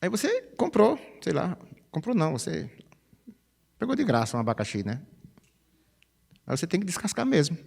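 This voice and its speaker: A man preaches in a chatty, animated way, often tagging his phrases with a questioning "né?". His voice sits somewhat high, and his pitch swings widely. The sound carries the long reverb of a church hall. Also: normal speed, creaky, pauses often, slightly rough. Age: 50s. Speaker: pastor. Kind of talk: conversational sermon. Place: church sanctuary.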